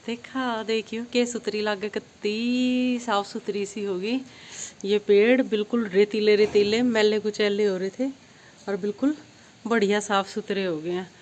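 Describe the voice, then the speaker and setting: A middle-aged woman, chatting casually in a home vlog and telling stories with lively energy. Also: mid-range voice, a little hiss or hum. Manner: chatty storytelling, grows excited retelling events. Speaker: vlogger.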